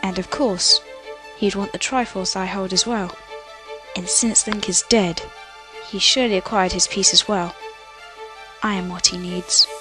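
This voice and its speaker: A selfless young princess, acted by a woman in an amateur radio play. She speaks in formal, measured phrases with solemn resolve at a middling pitch, while music plays clearly behind her. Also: fairly even intonation, close to an everyday voice. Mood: solemn, explaining. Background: loud music.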